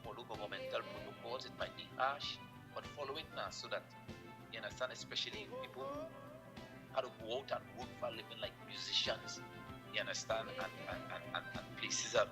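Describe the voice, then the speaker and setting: A man's voice: mid-range voice, a little fast, poor audio. A Trinidadian man, a guest on an online chat, talks casually and earnestly about love and staying positive, repeating his phrases. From Trinidad and Tobago. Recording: loud music behind.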